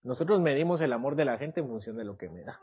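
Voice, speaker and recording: A man teaches a church doctrine class, often asking his listeners questions and acting out short everyday scenes to make his point. His voice sits at a middle pitch. The recording sounds a little dull and lo-fi. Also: animated, fast, slightly rough. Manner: asks the class questions, acts out examples in quoted voices. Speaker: Bible teacher.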